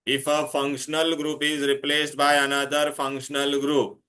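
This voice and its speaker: An Indian man teaches a class in a fairly high, bright, forceful voice. He repeats himself insistently and puts questions to his students. His English has Hindi words and phrases mixed in. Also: monotone, normal speed. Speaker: chemistry teacher.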